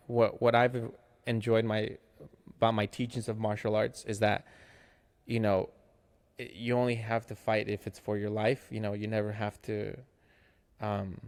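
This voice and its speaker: A man in casual podcast chat who talks reflectively, offering advice and often restarting his sentences. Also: on the low side. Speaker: podcast co-host.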